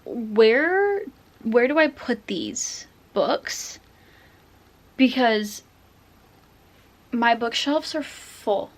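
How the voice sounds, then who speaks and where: A woman's voice: on the high side, lively intonation, extremely slow, long pauses. A nineteen-year-old woman vlogging casually at home about her reading, chatty and full of "like" and "literally". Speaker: book vlogger. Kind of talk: casual vlog chat. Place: at home, indoors.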